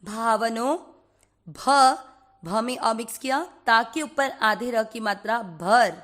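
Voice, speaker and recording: Slow, careful woman teaching Sanskrit recitation. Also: fairly high pitch, fairly bright tone. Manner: slow, careful, repeats each syllable and chants the verse lines. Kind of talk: syllable-by-syllable pronunciation lesson.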